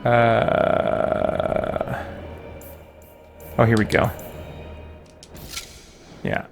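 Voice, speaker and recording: A game streamer rambles informally and thinks aloud while playing and commenting on a video game in a casual live chat. His medium-pitched voice is creaky, with big pitch swings and drawn-out words. Video game music plays behind him.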